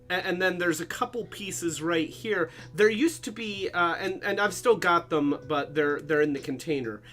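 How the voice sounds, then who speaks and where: A man's voice: a little high, a bit bright. A man hosting a casual live stream, a little drunk and slurring, rambling with restarts as he shows toys. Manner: rambling, restarts, a bit tipsy. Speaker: host of a toy live stream.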